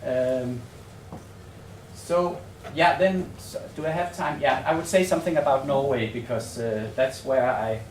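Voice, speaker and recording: A man from Denmark presents as a researcher in a hotel seminar room, delivering a semi-improvised conference talk in English, his second language, with a Danish accent. His voice is mid-range, and he thinks aloud in a halting, tentative way, repeating words. The recording is echoey and distant, with faint noise.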